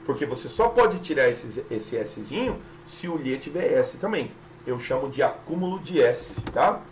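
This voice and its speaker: A man's voice: mid-range voice, expressive, moderate pace, a little hiss or hum, low-quality recording. Chatty Brazilian man teaching grammar. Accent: Brazilian Portuguese. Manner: chatty and emphatic, keeps checking in with the listener. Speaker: teacher correcting an exam. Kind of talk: informal exam-review lesson.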